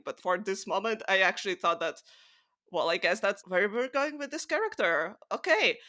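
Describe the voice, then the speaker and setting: A woman with a medium-pitched, bright, forceful voice hosts a podcast, chatting casually about books. She is strongly opinionated, emphatic and exasperated, and swears often.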